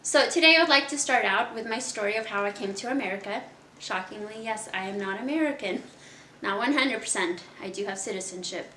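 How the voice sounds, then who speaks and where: Bright, chatty young woman in an echoey room. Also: mid-range voice, a little fast, slight background noise. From Kazakhstan. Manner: chatty and candid, laughs often. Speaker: podcast host. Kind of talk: casual personal storytelling.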